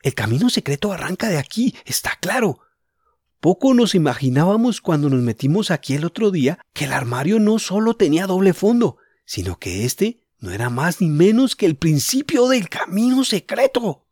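A man's voice: sits high, sing-song, normal speed, few pauses, a little mellow, husky, dry recording, clean studio sound, voice pushed up, heavily acted. A man voicing an eager teenage boy telling the others about a discovery, in a storybook reading. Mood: thinking aloud.

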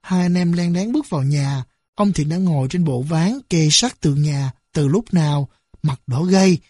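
Husky, dry storybook narrator. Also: medium pitch, normal speed, darkish tone, dry recording.

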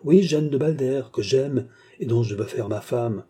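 A man's voice: medium pitch, a little slow, dark tone, breathy edge. A man voicing a scheming baronet villain who poses as a kind benefactor, talking in an earnest, persuasive way in a French audiobook novel.

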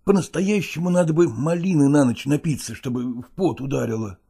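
A man reading an audiobook, voicing a middle-aged actor who pretends to be ill, groaning and slowly wheedling. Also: a little high, gravelly, dark tone, slightly rough. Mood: groaning evasive. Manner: groaning, drawn-out and slow, wheedling. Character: middle-aged male actor feigning illness, evasive.

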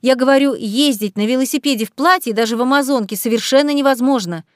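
A woman's voice: high-pitched, fast talker, no echo, clean studio sound, close to an everyday voice. Woman voicing a bold teasing young lady. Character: young noblewoman, bold and mocking.

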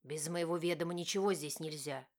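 A woman's voice: low voice, a little fast. Woman voicing a growling, furious young husband. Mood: angry. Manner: growling, shouting, harsh. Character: angry domineering young husband, man.

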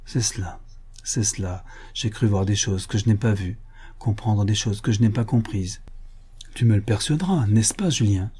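Storybook role: male reader playing a fearful young fiancée, trembling, hushed pleas, dark tone. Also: fairly low pitch, normal speed, slightly rough. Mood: pleading anguish. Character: anguished young woman bride, fearful and torn.

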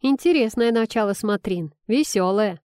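A composed prince makes a measured, wry remark, as a woman reads him in an audiobook. The tone is mellow and dark. The recording is dry and close. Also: mid-range voice, expressive, clear, resonant tone, no room sound, natural voice.

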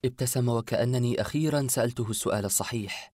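Guy reading a dark story out loud, expressive, mid pitch, dry close sound. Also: quick pace, dry recording. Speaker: narrator. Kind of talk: dramatic first-person story narration.

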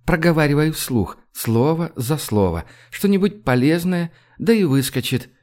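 A man's voice: on the high side, lively intonation, unhurried, a little mellow, pitched above the performer's own voice. A man voicing a cocky but kind young man who talks lightly and teasingly in a raised voice.

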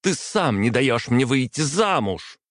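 A man's voice: expressive, unhurried, a bit bright, no echo, clean studio sound. A man voicing a fiery, defiant young princess who keeps raising her voice in scornful outbursts. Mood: furious. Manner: raised, shrill, scornful outbursts.

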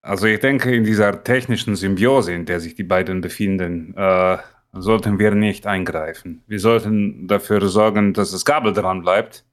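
A man's voice: sits low, fairly even intonation, normal speed, hardly any pauses. A man playing a tabletop role-playing game, describing his character and arguing about what the group should do. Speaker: player.

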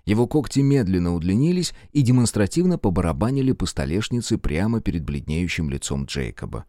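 A male audiobook narrator reading in an even, measured way. His voice sits fairly low, and the recording is dry and close, with no room sound. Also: dry recording.

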